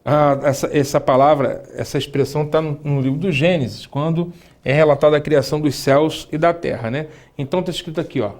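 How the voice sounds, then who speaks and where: A man, teaching an online lesson and speaking directly to the student, slowly spelling out and repeating words. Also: a little high, fairly even intonation, a little mellow. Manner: didactic, addresses the student directly, slow careful spelling-out of words. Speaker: Hebrew teacher.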